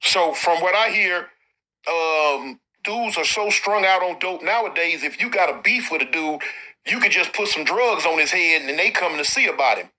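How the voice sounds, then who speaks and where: A man with an Alabama Southern accent interviewing in a casual, slangy way, with animated, informal reactions. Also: fairly high pitch, moderate pace, low-quality recording. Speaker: interviewer, former inmate.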